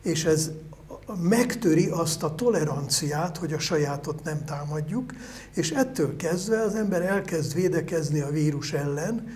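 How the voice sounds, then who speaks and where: Older man explaining science, slightly high voice. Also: a little mellow. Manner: measured, explanatory, pauses to search for words. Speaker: virologist guest. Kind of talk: explanatory interview answers.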